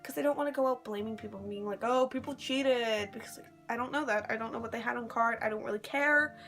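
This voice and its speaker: High-voiced woman, rambling casual vlogger. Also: fast, fairly bright tone, faint music behind. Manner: rambling, slangy storyteller. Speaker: vlogger recounting a live-action role-play event. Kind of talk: casual chat. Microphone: phone at arm's length.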